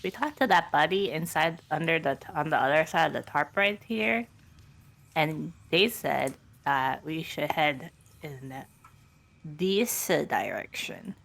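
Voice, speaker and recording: A woman's voice: sits low, lively intonation, slow pace, gravelly, a bit bright. A woman playing a tabletop game, asking questions and thinking aloud as she works things out. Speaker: player. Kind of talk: casual tabletop game chat.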